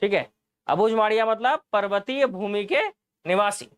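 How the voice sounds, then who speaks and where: A man's voice: sits high, moderate pace, smooth, no echo. A man teaching an exam-prep lesson, explaining answers, repeating key points and asking the class rhetorical questions.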